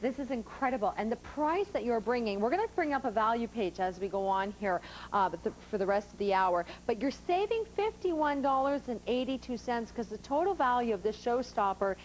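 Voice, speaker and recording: A woman's voice: a little high, expressive, brisk, few pauses, a little hiss or hum, poor audio. A woman hosting a live home shopping show, selling with prices and item numbers in a salesy manner.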